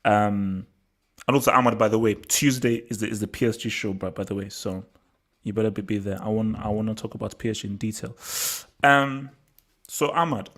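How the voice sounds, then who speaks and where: A man hosting a live football hangout, lively and steering the talk, breaking in on his guests to move things along. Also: on the low side, a little fast. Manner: animated, talks over guests to steer the discussion. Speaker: show host. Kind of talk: casual live hangout chat.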